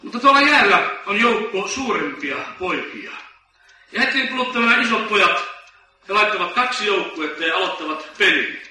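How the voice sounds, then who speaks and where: A man preaching a sermon in a big echoing church hall, heard from some distance off the mic. His voice sits high and rings sharp and bright. He speaks slowly and with emphasis, like a storyteller. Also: lively intonation. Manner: slow, emphatic preaching with dramatic story-telling. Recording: echoey hall from far off.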